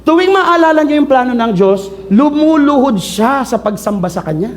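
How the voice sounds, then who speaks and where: Filipino pastor guy, really high voice, playful preaching, teasing the crowd. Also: lively intonation, normal speed. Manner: playful, teasing the congregation, mixing Tagalog and English. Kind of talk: sermon.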